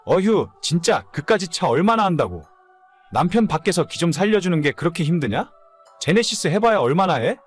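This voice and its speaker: Man acting whiny hungover husband, lively higher voice. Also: brisk, breathy edge, faint music behind. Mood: whiny, insistent. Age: late 30s. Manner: whining, hungover grumbling. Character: whiny immature hungover husband in his late thirties. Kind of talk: dramatized audio story dialogue.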